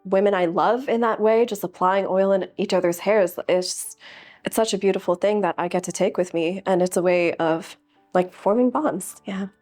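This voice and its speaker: This early-thirties guest answers reflectively and conversationally, speaking at normal speed in a mid-range voice with a darkish tone. Filler words crop up often in her earnest replies, and faint music sits underneath.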